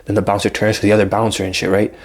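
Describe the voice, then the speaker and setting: A man's voice: lowish voice, completely flat delivery, rapid-fire, breathy edge. A young man telling a casual storytime, rambling in heavy slang and acting out what people said. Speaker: vlogger.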